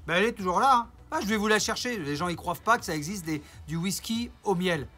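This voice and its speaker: A man's voice: high-pitched, lively intonation, fast talker, bright, forceful tone. A man ranting in a casual vlog, mocking and rambling, with theatrical asides to his viewers. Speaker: YouTuber.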